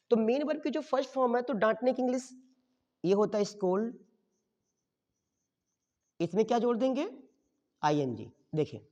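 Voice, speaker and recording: A man's voice: very high-pitched, a little mellow. A male teacher explaining grammar to his class, asking questions and answering them himself, often checking in with "okay?". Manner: checks in with "okay?" after each step. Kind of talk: grammar lesson. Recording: dull muffled sound with long reverb.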